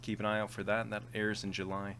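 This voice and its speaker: A man's voice: lowish voice, completely flat delivery, fast talker, fairly bright tone, a little hiss or hum. A man hosting a podcast, giving a casual, friendly introduction with frequent ums. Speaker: podcast host.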